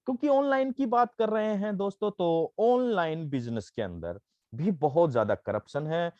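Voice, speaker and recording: A man delivers a motivational sales pitch, slipping English phrases into his Hindi. His voice sits fairly high and moves up and down with lively energy. The dry, muffled recording sounds like it was made at home. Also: normal speed, no echo. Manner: persuasive, calls listeners "friends" again and again. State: coughing, throat irritated. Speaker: network marketing presenter.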